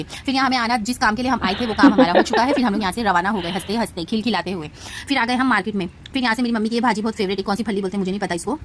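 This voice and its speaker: A woman's voice: medium pitch, fairly bright tone, slight background noise. A young woman from narrating her market trip in a playful, rambling vlog voice-over. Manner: playful, rambling, self-teasing. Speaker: vlogger.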